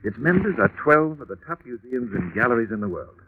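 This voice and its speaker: An actor playing a formal, earnest art patron who talks in a self-important way, in an old radio drama. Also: male voice, mid-range voice, big pitch swings, brisk, natural voice. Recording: tinny old radio recording with faint hiss.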